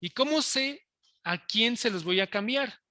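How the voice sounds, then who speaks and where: Bright-voiced teacher coding live. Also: male voice, very high-pitched, animated, a little slow, no room sound, clean studio sound. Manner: explains step by step, checks in with students often. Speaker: programming teacher. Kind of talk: live coding lesson to students.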